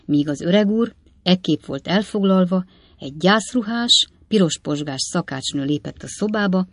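A woman narrates a classic novel in an audiobook, measured and even. Her voice sits low, and the recording is close and dry. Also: no echo.

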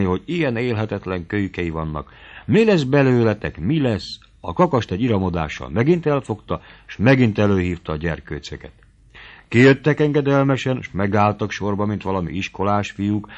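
A low-pitched male narrator reads a classic novel for an audiobook in an expressive, dramatic style. The recording sounds dull and muffled.

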